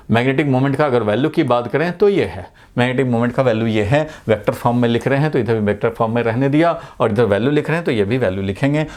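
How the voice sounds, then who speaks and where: A middle-aged man from India teaches a physics class at a board, with a voice of ordinary pitch for a man. He works through each step out loud and keeps asking his students rhetorical questions. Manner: explains step by step, asks rhetorical questions, often says "bhai".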